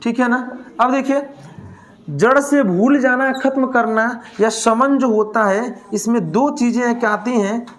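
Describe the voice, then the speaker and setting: A man's voice: very high-pitched, fairly even intonation, measured pace. Lecturer quizzing and joking with his class. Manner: asks questions and answers them himself, jokes with students. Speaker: teacher.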